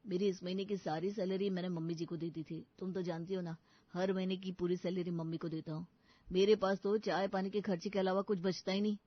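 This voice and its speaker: A woman voicing a mild young husband in an animated story, who talks in a calm, reasoning way. The sound is dry and lo-fi. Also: fairly low pitch, fairly quick, dry recording, pitched below the performer's own voice, close to an everyday voice.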